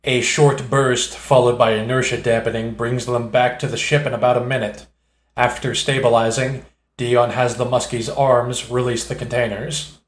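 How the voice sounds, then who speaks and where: A man reads audiobook narration in a steady, descriptive way. His voice sits at a middle pitch. The recording has a roomy echo around it. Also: normal speed. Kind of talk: scripted narration.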